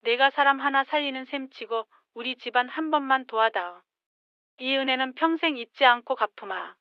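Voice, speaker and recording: A woman voicing a sweet-talking older mother-in-law who pleads softly and tearfully. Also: high voice, normal speed, clear, resonant tone, dry recording, lightly acted. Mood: tearful pleading. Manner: soft, coaxing and pleading. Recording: dull lo-fi sound.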